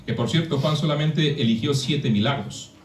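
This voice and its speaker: A man's voice: medium pitch, normal speed, far from the mic, slight background noise. A man from Mexico preaching a sermon to a congregation, conversational and full of questions to his listeners. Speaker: pastor. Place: church hall. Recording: echoey church, speaker away from the mic.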